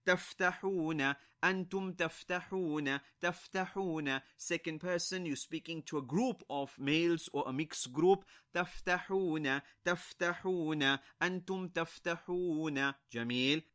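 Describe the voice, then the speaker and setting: A man teaching Arabic grammar in English, slowly repeating each phrase several times and praising the class often. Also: on the high side, a bit bright. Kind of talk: slow drilling grammar lesson.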